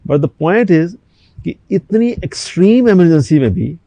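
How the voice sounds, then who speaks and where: A fairly high-pitched older man from Pakistan, appearing as a talk show guest, animatedly recounts something that happened to him, quoting and acting out the people involved. The sound has no echo.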